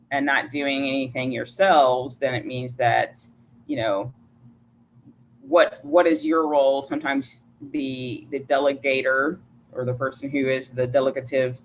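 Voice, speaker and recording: A man's voice: medium pitch, a bit bright, highs cut off, slight background noise. A man leading an online leadership workshop, talking with frequent restarts and fillers. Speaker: workshop facilitator.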